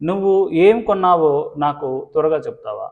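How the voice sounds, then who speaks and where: A man with a Telugu accent teaches spoken English in a fairly high voice. He explains things patiently and slows to a crawl on each model sentence. The sound is thin and tinny, like a phone line. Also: sing-song.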